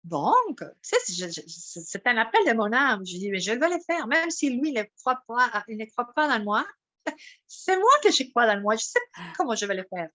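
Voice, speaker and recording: A bright-voiced Mexican woman, a native Spanish speaker, sits as a guest in a casual interview and shares a personal story. Her voice runs on the high side at a normal speed, and her storytelling is animated, full of restarts.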